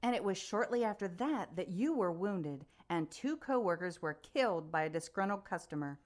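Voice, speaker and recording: An actress plays a calm female reporter leading a news special in a radio drama, her manner that of a probing, scripted interviewer. Her voice sits fairly low, her intonation is lively, and her delivery is formal, measured and lightly acted.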